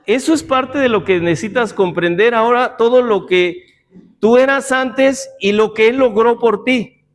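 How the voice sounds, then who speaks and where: A man with a notably high voice leads a Bible class in a church meeting room. He teaches in a chatty, informal way, mixing doctrine with jokes and rhetorical questions aimed at the class. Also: a little slow.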